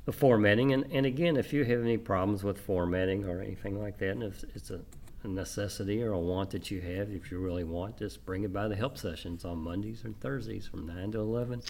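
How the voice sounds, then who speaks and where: A man's voice: fairly low pitch, a little fast, gravelly, darkish tone. A man co-hosting a casual tech show, with a tired voice that keeps stumbling over words. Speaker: co-host. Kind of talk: casual tech advice chat.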